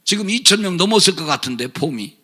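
A man preaching a fiery, scolding sermon, shouting and sarcastic, swinging from loud outbursts to low mutters. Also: animated, quick pace, slightly rough.

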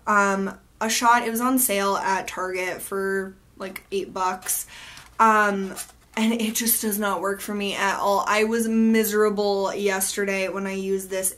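A woman's voice: mid-range voice, fairly bright tone. A young woman from the United States chatting casually through a beauty product review, sounding nasal and stuffed up from allergies, with lots of fillers. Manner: chatty, upbeat, many fillers and likes. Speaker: beauty vlogger.

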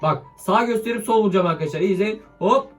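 A man's voice: high-pitched, racing, fairly bright tone, faint music behind. A young man with a sick, strained voice, giving casual commentary over a mobile game and swearing playfully at it.

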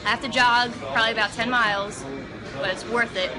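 A young adult woman filming a taste test in a restaurant, talking to camera in an excited, gushing way. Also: fairly high pitch, brisk. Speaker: food reviewer host. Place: busy restaurant.

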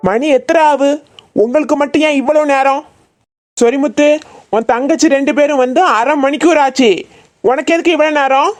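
A woman's voice: high voice, steady tone, moderate pace, a little mellow, close to an everyday voice. A woman voicing a stern tuition teacher in a cartoon, scolding and bossy.

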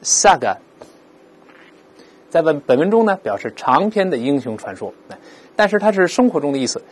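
With a husky, rather high voice that swings widely in pitch, a man teaches English vocabulary. He poses rhetorical questions to explain each word and repeats it slowly aloud for pronunciation practice.

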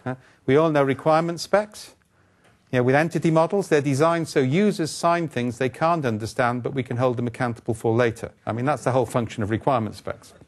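An older man giving a conference keynote lecture, brisk, wry and blunt, throwing in asides and rhetorical questions. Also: mid-range voice. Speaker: keynote speaker. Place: conference stage, indoors.

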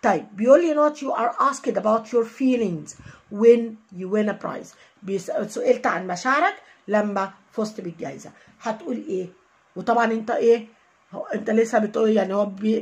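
An Egyptian woman teaching an online English lesson, repeating each English phrase slowly and then translating it. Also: on the high side, husky. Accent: Egyptian Arabic.

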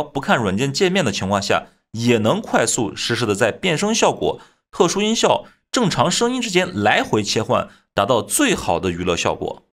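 A man narrating a scripted software tutorial as its host, explaining things step by step. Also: mid-range voice.

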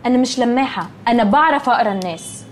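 A woman's voice: fairly high pitch, quick pace, a little hiss or hum, natural voice. An actress playing a haughty, spoiled young woman who brushes others off and drops English words into Egyptian Arabic. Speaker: Nelly, comic film character. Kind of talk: Egyptian comedy film acting.

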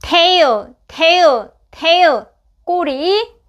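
A woman's voice: extremely high pitch, lively intonation, drawn-out words, fairly bright tone, muffled recording. A woman teaching beginner English phonics. She repeats each word three times, then gives its meaning and tips on how to say it. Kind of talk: slow repeated word drills with explanations.

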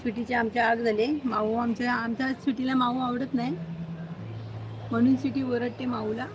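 A woman's voice: fairly high pitch, level tone, moderate pace, lo-fi sound, noisy background. A woman hosting a casual live stream at home, cooing baby talk to her cat and dog and scolding them sharply. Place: outdoors at home near a gate.

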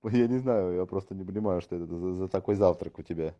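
A man's voice: deep voice, fast talker, dull audio, slight background noise. A man recruiting online hosts in a casual chat, rambling with lots of fillers and joking asides.

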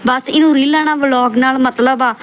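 A woman's voice: high voice, steady tone, a little fast. A woman hosting a roast, scolding and insulting the subject of a clip in a lecturing, scornful way. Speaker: roast channel host. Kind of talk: scolding roast commentary over clips.

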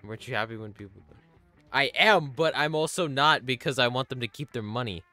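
Male game streamer, bright sharp voice, excitable, laughs and swears while thanking donors. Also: medium pitch, brisk, no room sound, soft background music. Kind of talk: live gaming stream chat.

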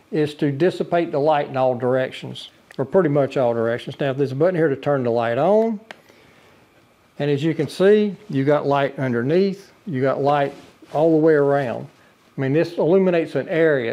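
Standing in his living room by a brick wall, an older product reviewer shows off a camping lantern in a casual demo. His voice sits on the high side and is mellow, and his plain talk is full of uhs and restarts.

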